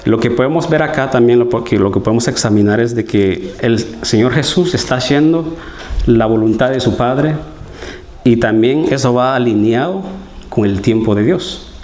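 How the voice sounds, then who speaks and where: This lay preacher from Guatemala speaks in a medium-pitched, slightly mellow voice at a moderate pace. His sermon is earnest and conversational, and he keeps asking the audience to agree. A roomy church-hall echo fills the recording.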